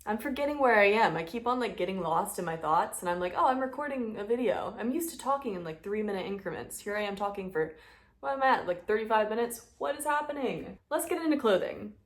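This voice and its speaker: A woman's voice: mid-range voice, quick pace. Chatty woman vlogging on phone. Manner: chatty, animated, joking, big-sister tone. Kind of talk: casual chat to camera. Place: at home indoors.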